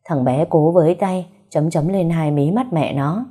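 A woman narrating a romance story, with even, unhurried reading. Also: deep voice.

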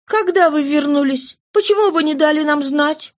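A woman voicing a lively, affectionate young woman in an audiobook reading, in a high, animated voice. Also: normal speed, close to an everyday voice. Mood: reproachful.

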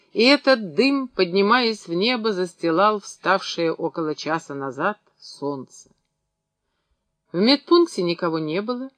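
A man narrating a novel as an audiobook, in a calm, even reading manner. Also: high voice, dry recording. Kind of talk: scripted narration.

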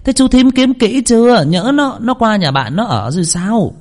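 A man's voice: high voice, expressive, moderate pace, a little mellow, pitched above the performer's own voice. A man voicing a fussing, fretful middle-aged village woman. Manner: exclaiming, fussing.

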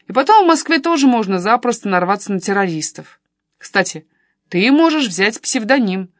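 A pushy young man who coaxes and presses his cousin without letup, voiced by a woman reading an audiobook. The reading is dry, close and steady. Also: mid-range voice, normal speed, no room sound, natural voice. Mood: persuasive. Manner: pushy, coaxing, persuasive.

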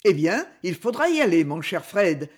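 A reader voicing a proud young English duke, speaking in measured, haughty sentences. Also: mid-range voice, sing-song. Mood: courteous.

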